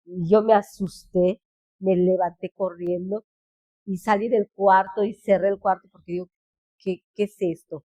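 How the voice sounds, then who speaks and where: A woman pastor with a Yucatán Mexican Spanish accent gives a personal testimony in an earnest, halting way, restarting phrases and quoting others. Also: lowish voice, dark tone, no room sound, poor audio. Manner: earnest, halting, with frequent restarts and quoted speech. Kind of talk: personal testimony, spoken storytelling.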